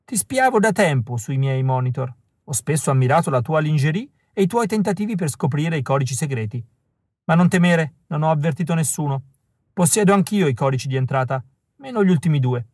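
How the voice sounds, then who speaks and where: Sneery sly villain guy as a man puts him on, voice pushed up higher, dry close sound. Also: lively intonation, fairly quick, a little mellow, dry recording. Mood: sly mocking. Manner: sneering, theatrical. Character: sly treacherous male villain spy, mocking.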